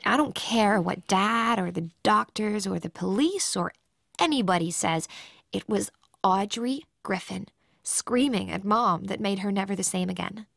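An actress playing an earnest, loyal young daughter who narrates a radio drama in the first person. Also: female voice, medium pitch, measured pace, gravelly, a bit bright, dry recording, studio quality. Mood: earnest, reflective.

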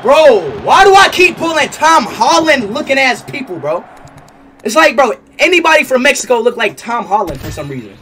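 A young American man reacting excitedly on a gaming livestream, loud and slangy, often shouting and repeating his phrases. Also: extremely high pitch, moderate pace, a little hiss or hum. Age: young adult. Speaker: live streamer. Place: indoor room, streaming setup. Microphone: headset.

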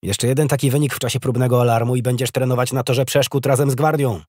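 A man's voice: lowish voice, brisk, slightly rough, no echo. A man voicing a cold, commanding young prince who speaks curtly with dry authority. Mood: dryly mocking.

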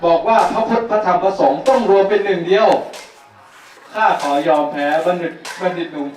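Playful male storyteller for kindergarten children, high-pitched voice, echoey room, distant mic. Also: a little fast, darkish tone, faint music behind. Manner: playful, dramatic, laughs often, checks in with the children.

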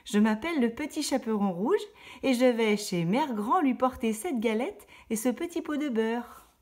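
Sweet little storybook girl, read by a woman: high, wide-eyed, slightly husky. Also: animated, normal speed, a little mellow. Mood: cheerful.

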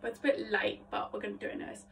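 A young woman vlogging her vocal warmup, chatty, rambling and self-mocking, her voice slightly phlegmy. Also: mid-range voice, fairly even intonation, racing, vocal fry, slight background noise. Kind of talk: casual vocal warmup vlog. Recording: voice a bit distant from mic.

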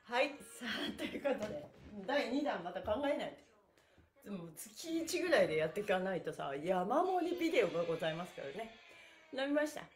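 Here she talks a little fast in a sing-song, medium-pitched voice, faint music in the background, as she cheerfully guides livestream viewers through stretches and chats with them encouragingly. The small room with bare walls and a wooden floor makes the audio roomy and echoey.

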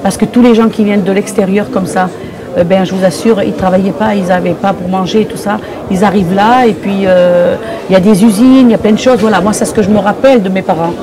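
An older woman from Morocco talks as a guest on a stage set up in a wooden hall at a public fair. She speaks in a hesitant way, circling back and repeating herself. The chatter of the fair crowd stays clearly audible behind her. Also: medium pitch, fairly even intonation, quick pace. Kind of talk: casual interview talk.

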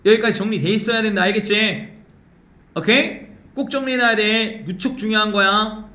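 A male teacher gives an English grammar lecture in a high, bright voice. He drills the class with call-and-repeat prompts and keeps checking whether they follow. The sound carries a roomy echo. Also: moderate pace. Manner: keeps checking understanding with tag questions.

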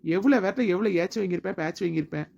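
A man's voice: sits high, racing, gravelly, darkish tone, lo-fi sound. A man playing a young village lover who coaxes and pleads insistently with his crying partner in a family drama. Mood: pleading.

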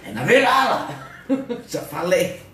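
A woman's voice: medium pitch, sing-song, extremely slow. Chatty woman teaching a craft live. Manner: chatty, greets viewers by name warmly. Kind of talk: casual live craft lesson. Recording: roomy sound from a distant mic, faint noise.

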